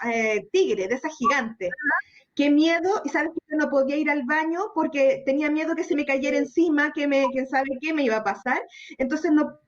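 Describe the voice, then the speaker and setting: Chilean woman, psychologist guest, high voice, earnest, dull lo-fi radio sound. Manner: earnest, explanatory, candid about own fears. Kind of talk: conversational interview.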